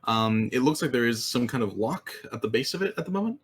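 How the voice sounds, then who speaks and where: A man's voice: mid-range voice, animated, fast talker, slightly rough. A man narrating as game master of a tabletop game, hesitant with frequent ums. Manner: hesitant, many ums and uhs.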